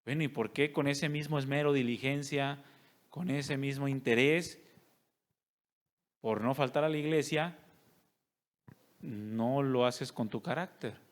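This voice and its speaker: A man's voice: medium pitch, unhurried, pauses often. A male pastor, preaching a sermon and putting rhetorical questions to his congregation. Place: church service.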